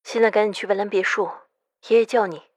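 A man voicing a brisk, curt young businesswoman speaking on the phone. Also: high-pitched, steady tone, no echo, muffled recording, voice pushed up, lightly acted.

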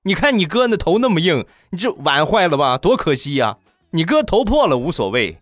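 A man's voice: medium pitch, very animated, normal speed, over music, close to an everyday voice. A man voicing a stingy middle-aged mother who shrilly scolds her son in a comic story. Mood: scolding.

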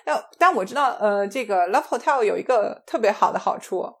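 A woman's voice: medium pitch, animated, brisk, husky. A woman guest in a casual podcast chat, explaining at length in an easy, conversational way. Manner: explanatory, laughs easily, conversational fillers.

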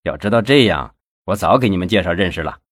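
A man voicing a jovial middle-aged city official in an audiobook, talking in a hearty, smooth way. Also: sits low, expressive, quick pace, no echo, studio quality.

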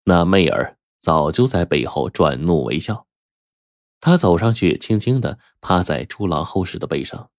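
A man narrating a serialized folk tale as a storyteller, with expressive, dramatic delivery. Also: deep voice, normal speed, no room sound, studio quality.

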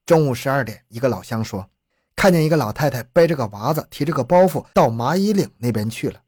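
Male narrator for a true-crime audiobook, husky tone, mid pitch, dry close sound. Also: dry recording.

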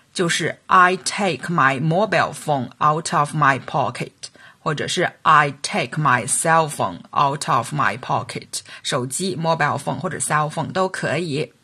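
A woman's voice: deep voice, pushed and bright, husky. A woman teaching a language lesson, explaining phrases and carefully enunciating model sentences. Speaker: English teacher.

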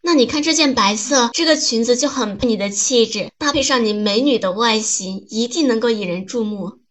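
A woman's voice: on the high side, moderate pace, fairly bright tone. A woman acting a doting partner who coaxes and soothes in a comedy skit. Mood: coaxing. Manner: coaxing, pleading, soothing.

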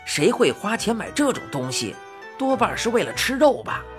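A woman voicing a quick-tempered old man who scolds indignantly, in a storybook reading. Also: mid-range voice, big pitch swings, over music, close to an everyday voice.

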